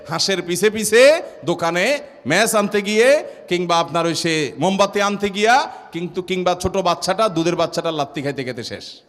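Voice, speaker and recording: A man preaching a sermon in colloquial Bangladeshi Bengali. He tells a story with repeated rhetorical questions and swings between soft, low lines and loud, raised outbursts. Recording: long hall reverb.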